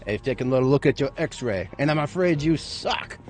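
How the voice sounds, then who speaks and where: A man's voice: medium pitch, animated, normal speed, faint music behind, voice pushed up, lightly acted. A man voicing an obnoxious male French doctor who delivers a haughty, insulting diagnosis. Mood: smug. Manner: haughty, insulting bedside manner.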